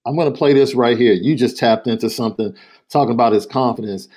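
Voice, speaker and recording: A man hosts a sports talk show in a playful, laughing manner. He cuts in to steer the talk and cue up clips. His voice has an ordinary, mid-range pitch. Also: quick pace, a little mellow. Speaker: host.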